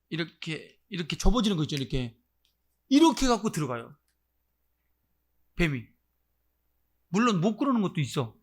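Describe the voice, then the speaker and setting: A man preaching a Sunday sermon as pastor, swinging between loud exclamations and near-murmurs and putting direct questions to the congregation. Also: very high voice. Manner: acts out voices of those he quotes. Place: church service.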